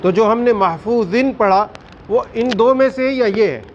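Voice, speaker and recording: A man teaching a Quran recitation class, firm and questioning, drawing out recited words slowly. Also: very high voice, muffled recording, a little hiss or hum. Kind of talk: classroom tajweed lesson.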